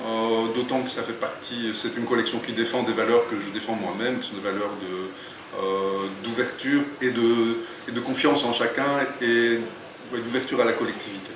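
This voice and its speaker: A man, an author, talking in an interview in a thoughtful, hesitant way with many pauses. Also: mid-range voice, fairly even intonation. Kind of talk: interview and reading aloud. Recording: echoey room, distant mic, faint noise.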